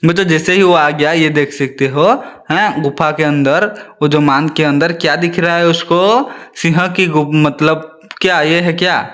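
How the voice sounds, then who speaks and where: A man's voice: a little high, fairly even intonation, measured pace, fairly bright tone. A male teacher reading a story aloud to young children, often repeating lines and asking them questions.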